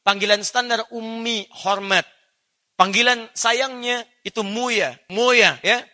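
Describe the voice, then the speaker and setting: A man preaching an Islamic study sermon, animated, quoting Arabic verses and putting questions to his listeners. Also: very high-pitched, slow pace.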